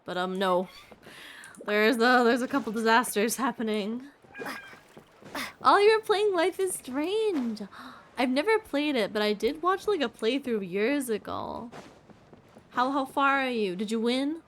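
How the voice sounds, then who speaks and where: Cute, bubbly anime-style woman streamer, higher-pitched. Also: big pitch swings, a little slow, a little hiss or hum. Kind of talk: casual livestream chat over gameplay.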